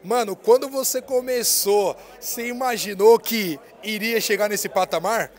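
A man's voice: sits high, measured pace. A man in his thirties interviewing a guest at an indoor music fair with a handheld mic, talking in a hyped, slangy, joking way. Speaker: interviewer host. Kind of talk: casual event interview.

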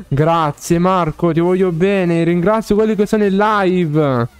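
A man streaming a game live, chatting casually with viewers, excitable and playfully pleading, often laughing. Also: sits high, slow pace, smooth, dry recording, faint music behind.

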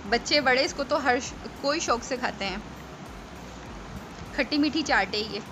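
A woman's voice: high-pitched, moderate pace. A woman from Pakistan hosting a home cooking tutorial in her kitchen, talking viewers through each step in a chatty way and checking in with them often. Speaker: cooking channel host. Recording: noisy home recording.

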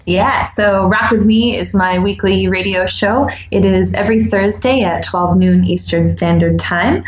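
A woman's voice: mid-range voice, a little slow. Friendly woman guest in a roomy echo. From New York State, USA. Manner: friendly, relaxed, frequent ums and uhs. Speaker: guest, dance instructor. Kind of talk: casual interview answers.

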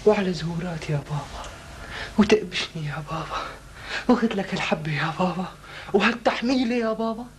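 An actor playing a clever young brother who eagerly lays out a scheme. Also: male voice, sits high, brisk, slight background noise, natural voice. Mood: plotting. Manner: eager, scheming, explains plans. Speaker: comedy actor. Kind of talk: sitcom acting.

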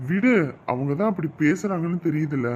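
Brief: actor for a torn, devoted husband in a family drama; animated, slightly high voice, reassuring and exasperated. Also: male voice, brisk, slight background noise, lightly acted. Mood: soothing. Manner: pleading, reassuring, then grumbling to himself. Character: devoted young husband caught between wife and mother. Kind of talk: melodramatic web-series acting.

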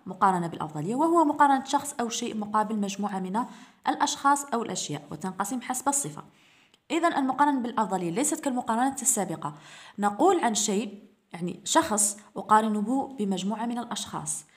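A woman's voice: fairly high pitch, animated, very fast. A woman English teacher giving an exam review lesson, explaining grammar rules step by step and answering her own questions.

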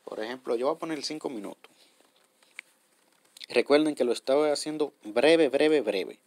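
A man's voice: mid-range voice, moderate pace, a little mellow, no echo. A man hosting a step-by-step app tutorial. He explains patiently, repeats himself, and keeps checking in with his viewers. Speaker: tutorial host.

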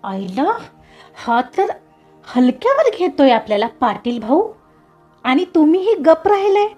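A woman's voice: high-pitched, big pitch swings, unhurried, mellow, highs cut off, soft background music, voice pushed up. A woman voicing a crude, rowdy young male henchman egging on his gang leader in a storybook reading. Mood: brash. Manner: brash, crude.

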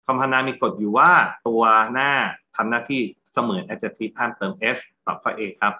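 A man's voice: medium pitch, moderate pace, muffled recording. A Thai-accented man teaching English grammar in a lecture, going through exam answers and checking understanding with rhetorical questions.

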